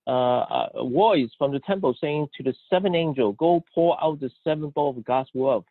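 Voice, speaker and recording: A man with a slightly high voice gives live consecutive interpretation of a sermon, phrase by phrase. He's halting, stumbling, repeating words, restarting mid-sentence, and cutting words off. His voice comes through a tinny, phone-like connection that sounds dry, with no room echo.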